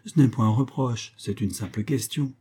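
A man's voice: mid-range voice, normal speed, mellow, husky. A man reading aloud and voicing a poised, self-assured young woman writer who talks in a light, teasing, gracious way.

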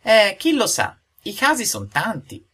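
A man voicing a patient, kindly old father who lectures gently in a storybook reading. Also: mid-range voice, very animated, moderate pace, breathy edge, voice pushed up, heavily acted.

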